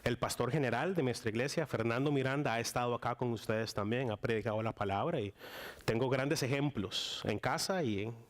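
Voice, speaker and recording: A man's voice: medium pitch, a little fast. Costa Rican man preaching a sermon. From Costa Rica. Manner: chatty and warm with frequent fillers and restarts. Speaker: guest preacher.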